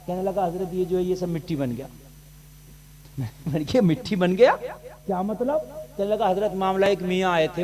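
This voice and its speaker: A man preaching a sermon in a storytelling way, dropping to a hush and then building up to shouted peaks. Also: sits high.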